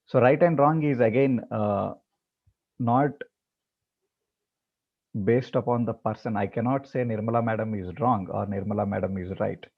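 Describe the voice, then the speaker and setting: A man teaching a meditation class, talking in a halting way with many repeated words and fillers before leading the practice. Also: fairly low pitch, gravelly, lo-fi sound. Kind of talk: talk before guided meditation.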